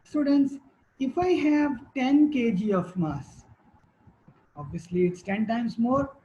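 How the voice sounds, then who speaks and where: A woman's voice: a little high, animated, slow pace, dark tone, lo-fi sound, slight background noise. A woman teacher giving a classroom lecture, quizzing students and repeating their answers.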